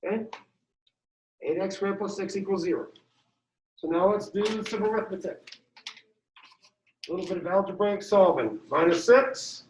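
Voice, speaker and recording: A man's voice: high voice, normal speed, long pauses, a little hiss or hum. A male math teacher giving a classroom lecture, upbeat and walking students through each step. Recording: dull echoey room sound from far off.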